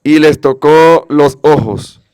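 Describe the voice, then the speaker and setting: A man reading Gospel passages aloud at Mass in a measured, steady way. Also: a little high, clean tone, no room sound. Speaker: scripture reader.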